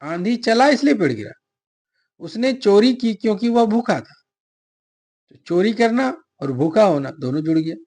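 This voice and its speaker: A middle-aged male teacher with a husky, slightly high voice. He explains grammar patiently, asks a question and then answers it himself, and works through spoken examples. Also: lively intonation, moderate pace, a little mellow. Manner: asks viewers to subscribe and comment. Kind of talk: Hindi grammar lesson for exam prep.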